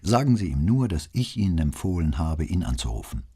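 A man reading an audiobook and voicing a young woman, a polite, calm and unyielding secretary. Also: low-pitched, a little fast, husky, exaggerated voice. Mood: politely firm. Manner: polite and cool, gently refusing.

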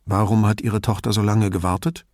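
A man voicing a calm, probing male police commissioner asking questions in an audiobook. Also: fairly low pitch, dry recording, clean studio sound, close to an everyday voice. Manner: measured, questioning.

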